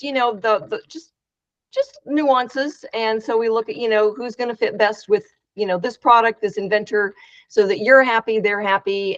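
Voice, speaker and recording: Over a video call with dry, dull audio, a meetup organizer who runs an inventors' group talks frankly and casually. Her voice is medium-pitched with no echo, and she fills her speech with fillers and restarts.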